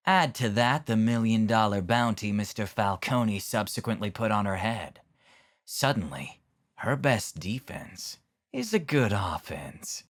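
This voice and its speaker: An actor playing a smug, pompous villain obsessed with riddles, posing questions theatrically in a scripted motion comic. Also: male voice, lowish voice, fairly bright tone, heavily acted. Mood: smug theorizing.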